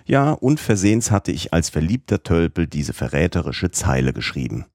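A man reading a classic novel aloud as first-person audiobook narrator, in a measured, literary storytelling manner. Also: low voice, big pitch swings, gravelly, darkish tone, no room sound, clean studio sound.

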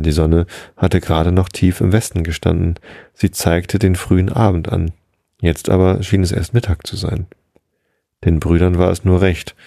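A man narrating a storybook in a calm, measured way. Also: low voice, creaky, no room sound, studio quality.

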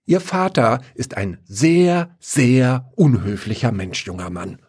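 A man voicing a cranky old widow who scolds indignantly in a raised, shrill voice. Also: lively intonation, slow pace, darkish tone, husky. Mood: scolding.

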